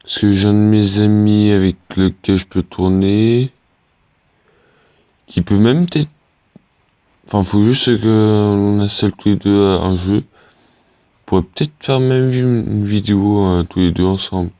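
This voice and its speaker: A teenage boy with a low, deep voice talks his viewers through a game in loose, rambling chat. He stops and restarts a lot and fills the gaps with hesitant fillers. The recording is dry and close. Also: unhurried, long pauses, mellow, no room sound. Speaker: gaming YouTuber. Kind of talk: casual gameplay commentary.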